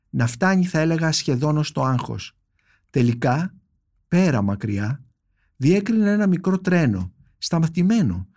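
A podcast host and book critic reads a translated poem aloud in a measured, reflective way, then recommends books with many thoughtful pauses and fillers. His voice is a little high, with a darkish tone.

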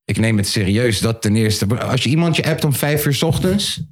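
A man's voice: mid-range voice, lively intonation, moderate pace, slightly rough. A man hosting a casual podcast, talking loosely with laughs and restarts. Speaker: podcast host.

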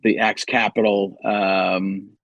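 A man's voice: lowish voice, level tone, slow, a bit bright, no room sound, highs cut off. A man, a comedian and impressionist, chatting loosely in an interview, self-deprecating and often restarting his sentences. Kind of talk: casual interview chat.

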